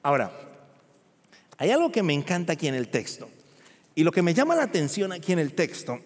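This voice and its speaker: A male pastor preaching emphatically, asking rhetorical questions and rising to loud peaks. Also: fairly high pitch, big pitch swings, a little fast. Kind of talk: sermon. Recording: long hall reverb.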